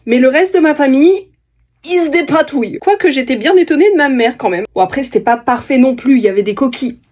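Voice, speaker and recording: A young woman from northern France tells a story straight to camera with lively, amused energy. Her voice sits a little high. She keeps it casual and chatty, like a creator talking to her followers. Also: fast talker. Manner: lively, amused, animated delivery. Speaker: content creator.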